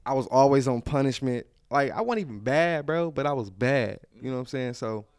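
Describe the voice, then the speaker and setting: A man's voice: mid-range voice, expressive, brisk, clean tone, no echo, studio quality. A man from Pontiac, Michigan, a rapper guest telling his life story in a loose, slangy, rambling way. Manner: laid-back, rambling, slangy, laughs often. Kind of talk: casual storytelling interview. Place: clothing store.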